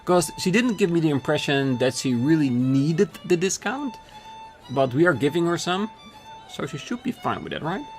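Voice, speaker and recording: A man hosting a let's play, reading the dialogue aloud and thinking through choices out loud, often apologetic and laughing. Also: on the high side, lively intonation, moderate pace, faint music behind.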